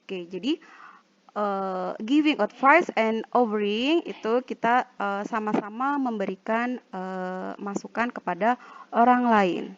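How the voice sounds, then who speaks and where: A woman with an Indonesian accent teaching an online English lesson, reading example sentences slowly and carefully. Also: medium pitch. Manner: slow, drawn-out example sentences. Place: at home. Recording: dull lo-fi home recording.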